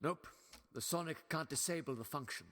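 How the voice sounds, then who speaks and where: An actor playing a wry, authoritative older time-traveling doctor in a fan audio drama, with a theatrical delivery. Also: male voice, fairly high pitch, moderate pace, a bit bright, in a large hall, natural voice. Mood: explaining, absorbed.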